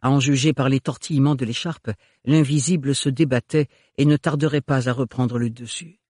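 A man narrating a novel in a steady, measured way. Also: mid-range voice, no echo, clean studio sound. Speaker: audiobook narrator. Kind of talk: scripted narration.

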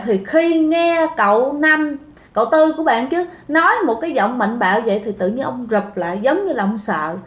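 Chatty Southern Vietnamese woman telling a ghost story. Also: fairly high pitch. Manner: chatty, speaks directly to listeners, many fillers. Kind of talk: casual spoken storytelling. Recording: roomy echo.

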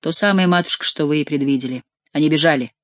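Brief: narrator playing a tired worried king, low and quiet, dry sound. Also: quick pace, no echo, natural voice. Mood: brooding. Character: anxious weary male king. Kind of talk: audiobook character reading.

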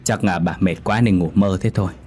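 A man voicing a kindly, grieving older father-in-law who speaks in gentle, soothing pleas. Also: low-pitched, fairly quick, faint music behind, close to an everyday voice.

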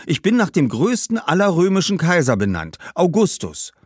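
A man playing an earnest, high-voiced schoolboy. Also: wildly swooping pitch, normal speed, husky, no room sound, clean studio sound, heavily acted. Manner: high, eager and insistent. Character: earnest, bookish young schoolboy.

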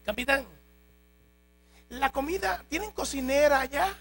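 Man doing a whiny young recruit, high pleading voice, gravelly edge, fussy questions. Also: unhurried, fairly bright tone, faint music behind, full character voice. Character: whiny young male recruit pestering his captain.

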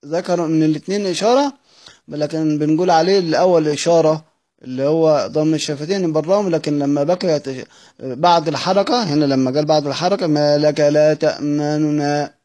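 Man, Egyptian accent, teacher reading a classical text and explaining it, self-questioning, somewhat high-pitched. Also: a little mellow. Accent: Egyptian Arabic. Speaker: teacher of Quran orthography. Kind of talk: recorded study-circle lesson.

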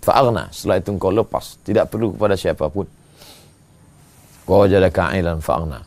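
Male preacher, low and gravelly, shifts from drawn-out chanting to pointed scolding. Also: darkish tone. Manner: swings from slow drawn-out chanting to quick emphatic scolding. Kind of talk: sermon with Quran recitation.

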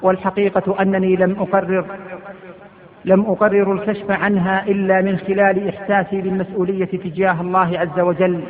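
A man's voice: sits high, monotone, a little fast, crowd noise. A male preacher giving a sermon. He retells a story solemnly and repeats phrases for emphasis. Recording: tinny lo-fi sound with long hall reverb.

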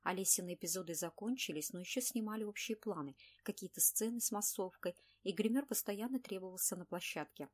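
A woman narrating an audiobook in an even, measured reading voice. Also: mid-range voice.

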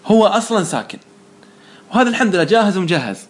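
A male teacher talks fast in a fairly high voice as he walks a student through grammar rules. He keeps firing short questions and praising correct answers. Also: very animated. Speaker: teacher of Arabic morphology. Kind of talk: one-on-one lesson, question and answer.

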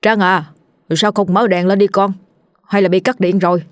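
A woman's voice: medium pitch, fairly even intonation, normal speed, no echo, studio quality, lightly acted. A woman voicing a downtrodden older male bun seller who stammers and pleads, in a storybook tale. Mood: calling.

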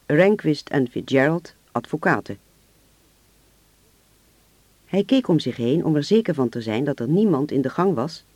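A man narrating a radio-drama story in a steady, measured way. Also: a little high, no room sound.

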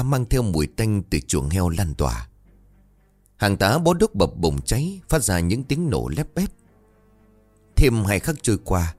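Male horror storyteller, low and lively. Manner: measured, suspenseful.

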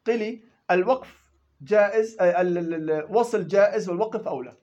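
A man teaching tajweed rules in a classroom lesson, explaining quickly and chanting verse examples in between. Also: sits high, darkish tone, muffled recording. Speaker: Quran recitation teacher.

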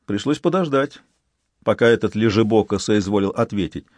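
Expressive male audiobook narrator. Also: lowish voice, normal speed, dry recording. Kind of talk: scripted narration.

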